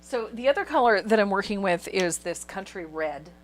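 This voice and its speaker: A woman's voice: mid-range voice, lively intonation, normal speed. A chatty woman who laughs easily, teaching a painting tutorial. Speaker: painting instructor.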